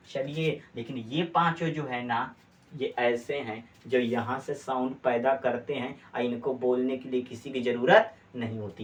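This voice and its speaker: A male teacher giving a classroom lesson. He keeps asking his students check questions and answers them himself. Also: medium pitch. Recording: distant mic, faint background noise.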